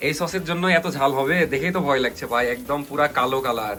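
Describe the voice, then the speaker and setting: A man's voice: mid-range voice, quick pace, bright, forceful tone. A man chatting casually as the host of a challenge vlog. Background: clear music.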